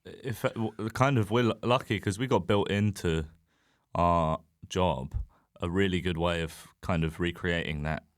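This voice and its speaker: A comedian guest on a podcast chats casually in a low voice at a measured pace, rambling, self-deprecating and sweary. The recording is dry and studio quality.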